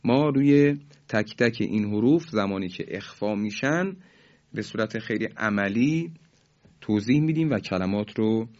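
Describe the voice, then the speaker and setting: A man teaching Quran recitation rules in a formal, polite way, explaining each rule and then chanting the examples slowly and drawn out for students to repeat. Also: fairly low pitch, darkish tone. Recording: dull lo-fi recording.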